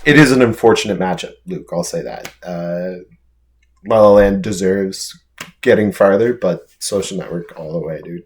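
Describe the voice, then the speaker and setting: A man's voice: low-pitched, normal speed, darkish tone. Emphatic young guy saying dude a lot. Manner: emphatic, says "dude" often. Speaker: podcast co-host. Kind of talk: casual chat.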